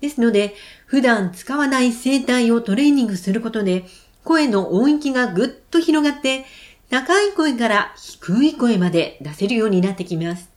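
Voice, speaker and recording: A woman leading vocal exercises, giving calm, clear and encouraging instructions. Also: fairly high pitch, moderate pace. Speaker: voice trainer.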